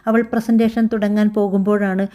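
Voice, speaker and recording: A woman narrating a family drama story in a calm, measured storytelling manner. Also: mid-range voice.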